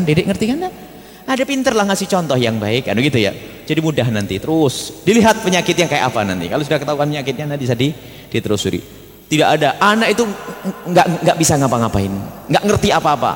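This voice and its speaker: A male preacher delivering a sermon to a congregation, his voice pitched a little high and swinging widely up and down. He is blunt and emphatic, scolding one moment and gentle the next. A long hall reverb trails every phrase. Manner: emphatic, blunt scolding mixed with tender asides. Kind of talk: religious study sermon to a congregation.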